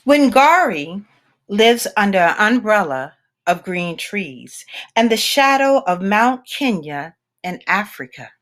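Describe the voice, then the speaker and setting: Using her mid-range voice, a woman tells the story of a children's picture book out loud. She reads deliberately and expressively, letting dramatic pauses shape the tale.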